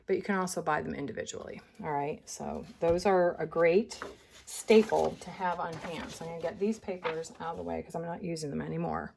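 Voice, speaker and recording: A woman with a fairly low voice talks through a scrapbook layout as she works, chatty and thinking aloud. She sounds a little out of breath. A faint hiss sits under the recording. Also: vocal fry. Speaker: scrapbooking instructor. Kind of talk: casual craft tutorial.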